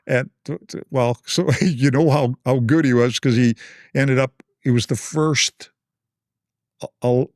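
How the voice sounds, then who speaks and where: A man in his sixties from Canada, a guest telling animated anecdotes in a casual interview and acting out other people's lines. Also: mid-range voice, a little slow, no room sound, clean studio sound.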